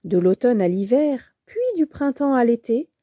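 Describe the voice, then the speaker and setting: A woman narrating a children's storybook in a slow, gentle, expressive way. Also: on the high side, no echo.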